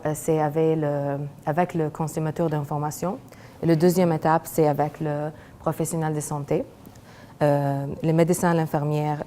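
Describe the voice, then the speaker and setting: A young woman with a foreign accent in French, a graduate student presenting her research haltingly, searching for words. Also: low voice, warm tone, slight background noise. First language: not French. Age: young adult. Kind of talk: academic presentation of a thesis project.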